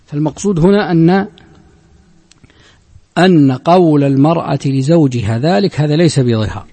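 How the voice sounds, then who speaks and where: A man's voice: on the high side, dark tone, breathy edge. Man teaching a law lesson in a reverberant hall. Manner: slow, measured explanation with frequent repetition of points. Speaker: religious scholar teaching a text. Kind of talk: classical Islamic law lesson.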